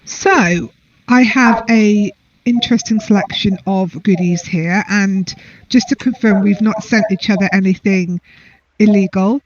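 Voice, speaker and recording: A woman's voice: medium pitch, measured pace. An English woman co-hosting a casual chat, chatty and rambling as she reviews snacks. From England. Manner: chatty, rambling, self-deprecating. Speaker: co-host. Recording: dull lo-fi audio.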